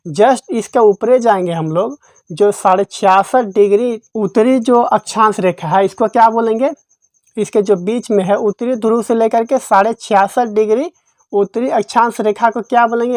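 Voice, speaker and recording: A woman's voice: mid-range voice, moderate pace, a little mellow, no room sound. Woman teaching geography in a dry voice-over. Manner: repetitive quiz-style, asks and answers her own questions. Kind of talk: exam-prep lesson.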